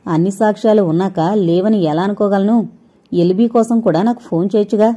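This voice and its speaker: A woman voicing a young woman who speaks quietly and warily on the phone, then turns sharp and accusing. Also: medium pitch, fairly quick, breathy edge, close to an everyday voice. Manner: quiet, guarded, turning sharp.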